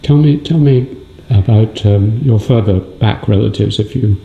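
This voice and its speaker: A man interviewing a guest, opening his questions softly and with hesitant ums. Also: on the low side, measured pace, gravelly, roomy sound, highs cut off, a little hiss or hum. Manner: soft-spoken, hesitant openings.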